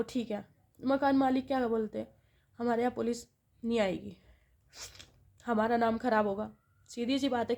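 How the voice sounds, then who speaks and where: A young woman talking straight to her viewers about her troubles in an aggrieved tone. Her voice sits high yet sounds dark and mellow. She keeps asking rhetorical questions and then answers them herself. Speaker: vlogger. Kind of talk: venting to viewers.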